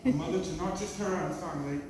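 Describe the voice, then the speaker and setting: A man's voice: high-pitched, fast. Middle-aged man, father's wedding speech, short read-out phrases, distant mic, long hall reverb, noisy. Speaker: father of the bride giving a speech. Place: large reception hall.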